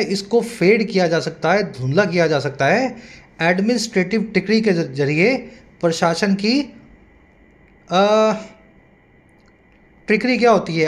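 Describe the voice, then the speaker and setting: A man tutoring English, reading newspaper lines slowly and explaining them at length, often asking his students rhetorical questions. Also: high voice.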